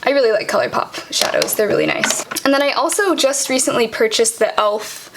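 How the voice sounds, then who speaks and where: A young woman vlogger casually walking through her makeup products, chatty and quick, with lots of "um" and "like". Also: a little high, huge pitch swings, noisy background. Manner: fast, chatty, many fillers like "um" and "like". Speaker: beauty vlogger.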